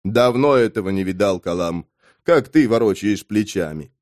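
A man reading an audiobook aloud, voicing a wary male high mage who talks low and tersely. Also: lively intonation, normal speed, no echo, clean studio sound, lightly acted. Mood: guarded.

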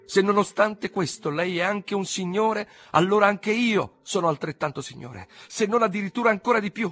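Bloch, shrill and aggrieved. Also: male voice, moderate pace, a bit bright, dry recording. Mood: indignant. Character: cringing man defendant turned indignant. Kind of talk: audiobook character voice.

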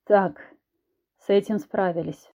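A woman's voice: mid-range voice, fairly even intonation, slow, muffled recording. A woman voicing a blunt, commanding man who was once a cat, in an audiobook. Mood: stern. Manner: curt, commanding.

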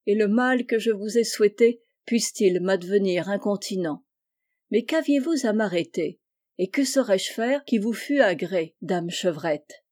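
A woman voicing a polite, noble young peasant hero who speaks in a measured, slightly lofty way. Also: mid-range voice, animated, a little mellow. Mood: courteous.

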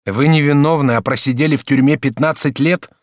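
A male audiobook reader voicing a courteous, talkative young student in his early twenties who speaks with a raised, excitable voice. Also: mid-range voice, fairly quick, no room sound, clean studio sound, voice pushed up, lightly acted. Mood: eager. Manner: bright, animated, polite and excitable. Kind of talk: audiobook character reading.

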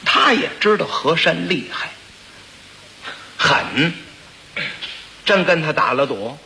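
A man's voice: a little high, expressive, slow pace, vocal fry, pushed and bright, a little hiss or hum, low-quality recording. A man telling a comic story, with chatty, stammering asides to the audience.

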